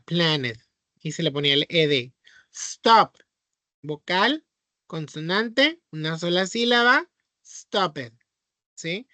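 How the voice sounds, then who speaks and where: A man's voice: sits high, sharp tone, no room sound. A man with a Mexican Spanish accent teaching English grammar in an online class, explaining patiently and checking in with the students often.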